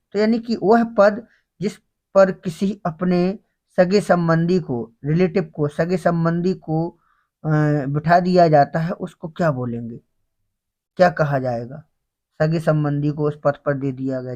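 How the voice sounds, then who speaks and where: A man's voice: on the high side, a little mellow, dull audio. A man teaching English vocabulary for an exam in Hindi, asking students questions and then answering them himself. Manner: reads English slowly, then explains in Hindi. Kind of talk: exam-prep grammar lesson.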